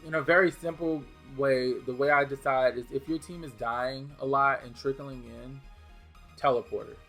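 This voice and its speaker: Speaking at a normal speed with fairly even intonation, a young man with a mild New Orleans accent does a relaxed Q&A for his gaming channel. His medium, slightly bright voice sits over faint music, and his blunt answers come with fillers and false starts.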